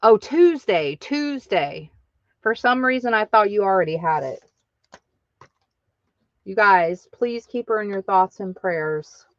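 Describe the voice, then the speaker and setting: Woman host for a live craft sale, unhurried and chatty, dry slightly muffled sound. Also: mid-range voice, a bit bright, dry recording. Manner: chatty, laughs often, cheers "woohoo". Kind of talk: casual live-stream selling chat.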